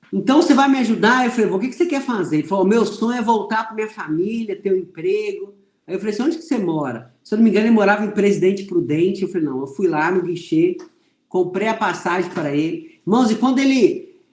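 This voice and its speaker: In an echoey room, a Brazilian man with a high voice and a Brazilian Portuguese accent teaches an online Bible class. He shares a personal testimony and speaks earnestly to his listeners, calling them "irmãos."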